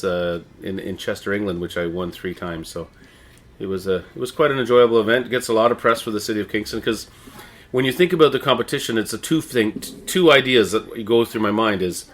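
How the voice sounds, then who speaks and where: A middle-aged Canadian man with a fairly low voice speaks as an interview guest. He talks conversationally, rambling a little and often doubling back on his words. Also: fairly bright tone. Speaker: interviewee, town crier and visitor services manager.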